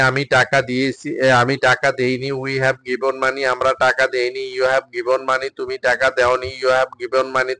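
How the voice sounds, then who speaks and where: Man, Bengali speaker, English drill teacher, slow sentence-by-sentence reading, clear smooth voice. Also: mid-range voice, sharp tone, no room sound. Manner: reads English sentences very slowly, then translates each. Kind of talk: spoken English drill lesson.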